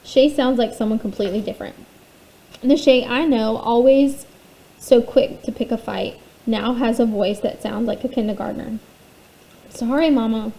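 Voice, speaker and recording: Mellow-voiced woman reading a novel aloud. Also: on the high side, normal speed, gravelly, rough recording. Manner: steady first-person storytelling. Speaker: reader.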